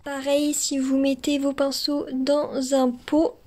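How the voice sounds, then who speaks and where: A woman giving a soft, gentle, instructional tutorial voice-over as a makeup artist. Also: high voice, little pitch movement, slow. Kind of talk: scripted tutorial voice-over with soft ASMR touches.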